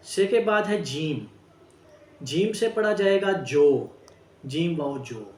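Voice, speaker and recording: A man's voice: on the high side, expressive, slow. A man teaching a Braille lesson, spelling out each word letter by letter and talking straight to his students. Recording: echoey room, distant mic.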